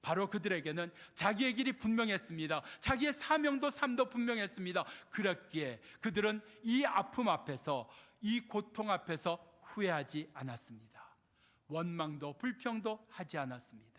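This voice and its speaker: Older guy pastor preaching, high voice, swoops up and down a lot, big church reverb. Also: expressive, normal speed, fairly bright tone. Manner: rhetorical questions, rising and falling emphasis. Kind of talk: sermon. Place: church sanctuary. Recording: long hall reverb in a church.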